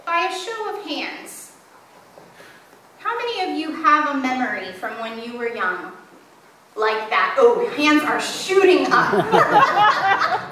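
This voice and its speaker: In a church sanctuary, a woman pastor gives a sermon, her high-pitched voice sharp in tone. She tells stories candidly and self-deprecatingly, heard from a distance amid heavy echo and slight background noise.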